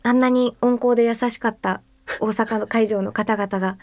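Woman, actor guest, fairly high voice, fast, lively, self-mocking, dry sound. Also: no room sound. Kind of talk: casual chat.

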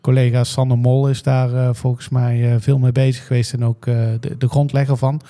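A man's voice: medium pitch, monotone, a little fast, warm tone. A man, explaining things casually as a consultant on a podcast. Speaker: podcast guest, software testing consultant.

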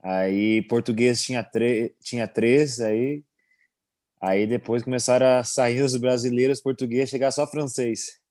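This is a relaxed young man from Brazil, a goalkeeper. His voice is warm and mellow, recorded dry and close. He chats loosely with plenty of fillers and quick laughs. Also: mid-range voice, no echo. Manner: relaxed, chuckling, many fillers. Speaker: goalkeeper abroad, interview guest. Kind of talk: casual interview chat.

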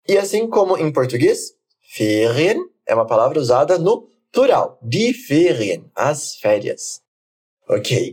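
A man teaching German, saying phrases slowly for the learner to repeat and then explaining them quickly. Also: mid-range voice, a little mellow. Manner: slow, deliberate model phrases alternating with quick explanations. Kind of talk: language lesson with repeat-after-me drills.

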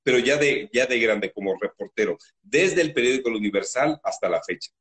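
A man with a Mexican accent, a guest in an interview, telling stories from his life in a loud, animated, emotional way. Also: mid-range voice, fairly quick. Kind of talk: emotional storytelling.

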